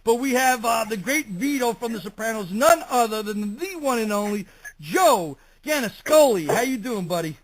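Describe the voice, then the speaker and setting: A man's voice: very high-pitched, expressive, moderate pace, poor audio. A man with a Brooklyn New York accent, hosting a chatty talk show interview.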